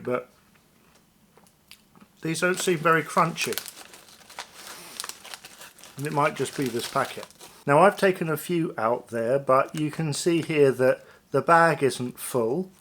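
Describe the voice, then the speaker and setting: A man's voice: fairly high pitch, fairly bright tone, a little hiss or hum. A man hosting a casual taste-test review to viewers, thinking aloud in a tentative, musing way. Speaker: food review vlog host.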